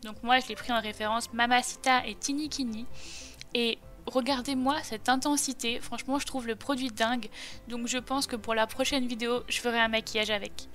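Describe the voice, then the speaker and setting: A woman's voice: fairly high pitch, fairly even intonation, fairly quick, fairly bright tone. A woman vlogger talking through a makeup tutorial step by step in a chatty voice-over. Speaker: beauty vlogger. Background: faint background music.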